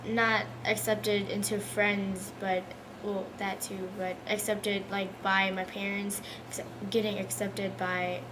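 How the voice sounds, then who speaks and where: A woman's voice: medium pitch, flat delivery, takes it slowly, few pauses. A teenage girl speaking earnestly with many fillers in a documentary interview. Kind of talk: personal testimony in a documentary interview. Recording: noisy ambient background.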